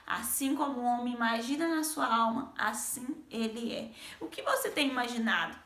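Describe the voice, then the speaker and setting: A woman with a Brazilian Portuguese accent shares a devotional message and personal stories in a chatty vlog, repeatedly speaking straight to her viewers. Her voice is fairly high and fairly bright, at a moderate pace, in an echoey room.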